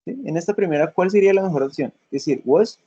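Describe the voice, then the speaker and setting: Husky, mellow-voiced male teacher. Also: on the high side, fast, highs cut off. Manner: patient step-by-step explaining, frequent check-ins. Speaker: English teacher. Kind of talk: classroom lesson.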